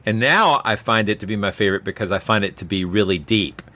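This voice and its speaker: A man's voice: on the low side, fast, pushed and bright. A man co-hosting a podcast, talking in an engaged, conversational way. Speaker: podcast co-host. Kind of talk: casual podcast chat and scripted show outro.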